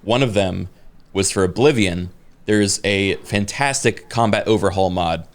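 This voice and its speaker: Deep-voiced man rambling on a podcast. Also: unhurried. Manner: rambling, hesitant with many fillers. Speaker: podcast co-host. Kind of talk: casual chat.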